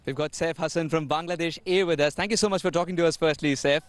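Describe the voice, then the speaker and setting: Man, sports interviewer, quick pace, polished questions, dry close sound. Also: fairly high pitch, fairly even intonation, no room sound. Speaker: broadcast interviewer. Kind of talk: pre-match cricket interview.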